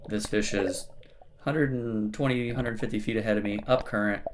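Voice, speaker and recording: A man's voice: fairly low pitch, fairly even intonation, normal speed, noisy background. A man, hosting a spearfishing channel, talks through his dive footage in a plain-spoken, matter-of-fact voice-over that explains each moment as it comes.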